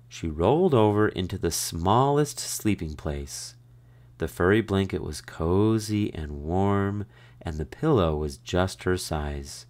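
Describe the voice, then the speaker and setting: Slow, lively deep-voiced male storyteller. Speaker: narrator. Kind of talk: storybook read-aloud.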